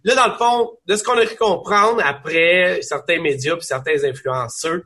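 A young man with a Quebec French accent, co-hosting a casual gaming chat, rambling and animated with many restarts. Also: on the high side, normal speed. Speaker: podcast co-host.

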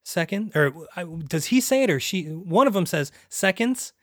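A man's voice: a little high, very animated, moderate pace, no echo, clean studio sound. Hesitant man discussing a film. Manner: hesitant, many ums and restarts. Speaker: podcast co-host.

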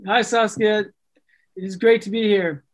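A man's voice: sits high, fairly even intonation, unhurried. A man playing an eager scholar guest who talks up his fandom in a comedy sketch.

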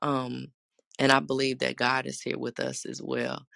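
Faith host with a really raspy gravelly voice, slow, praying n sharing, kinda flat pitch. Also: no room sound, clean studio sound. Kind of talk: devotional talk and prayer.

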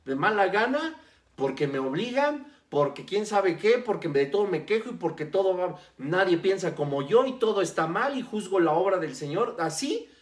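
A preacher delivering a sermon, stressing key words by slowing down and repeating them. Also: medium pitch, very animated. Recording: roomy echo.

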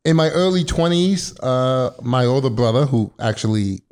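A man's voice: mid-range voice, expressive, normal speed, darkish tone, clean tone. A man in his early fifties with a Queens, New York accent, chatting casually as an interview guest. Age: early 50s. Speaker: guest, firefighter and actor.

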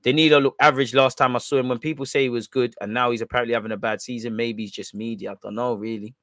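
A man's voice: medium pitch, fairly even intonation, quick pace, a bit bright, dry recording, clean studio sound. A man with an urban London roadman accent, chatting casually and slangily as the host of a football fan livestream. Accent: London, urban street. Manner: conversational, slangy, roadman-style speech. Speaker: football fan channel host, live streamer.

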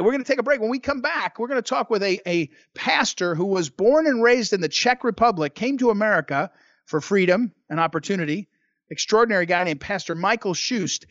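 A man's voice: high voice, a bit bright, no echo, highs cut off. A man filling in as a talk radio host, arguing a point in a rambling monologue that keeps restarting sentences.

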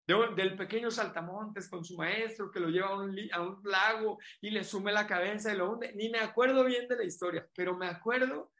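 A man from Mexico with a Mexican Spanish accent, a motivational speaker telling an animated, emphatic story in a casual interview. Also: high voice, fairly quick, few pauses, reverberant.

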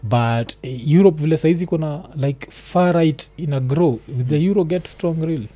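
A man's voice: fairly high pitch, normal speed, warm tone, no echo. A man with a Kenyan accent in a casual chat, slipping between slang and English and often repeating himself in agreement.

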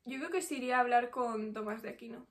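A woman's voice: a little high, quick pace. A young woman, co-hosting a casual podcast chat, joking and laughing often. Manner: playful, laughs often, imaginative riffing. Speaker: podcast co-host.

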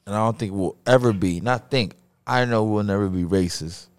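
A man's voice: on the low side, moderate pace. A young man co-hosting a casual late-night podcast, talking loosely with lots of profane slang and jokes.

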